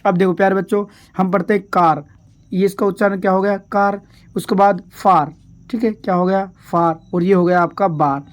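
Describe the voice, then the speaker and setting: A male teacher runs an exam revision lesson in a patient, repetitive way. He asks a question, pauses, then answers it himself, and he keeps calling his pupils dear children. He stretches out English words and sentences slowly, one piece at a time. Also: sits high, fairly even intonation.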